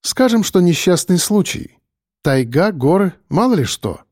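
Мужчина озвучивает хладнокровную насмешливую женщину-убийцу, говорящую спокойно и ледяным тоном. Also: female voice, low-pitched, moderate pace, no echo, clean studio sound. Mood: mocking. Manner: calm, icy, mocking. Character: cold, mocking female killer.

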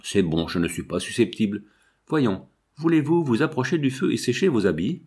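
A man reading a storybook and voicing a cocky teenage boy with a raspy voice, breezy and mock-ceremonious. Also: medium pitch, sing-song, normal speed, darkish tone. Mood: cheeky.

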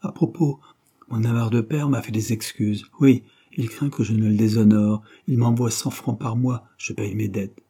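A man's voice: fairly low pitch, steady tone, normal speed, warm tone, slightly rough. A man reading aloud and voicing a boastful, brash young art critic who chases women, in a mocking, raised voice.

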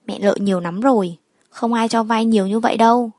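A woman's voice: a little high, steady tone, brisk, darkish tone, dry recording, natural voice. A woman voicing an anxious, plain-spoken middle-aged mother in a spoken story. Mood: worried.

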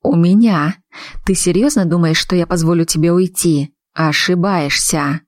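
A woman voicing a jealous, violent young husband who speaks slowly and coldly. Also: fairly low pitch, no echo, clean studio sound, natural voice. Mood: menacing. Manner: slow, cold and threatening.

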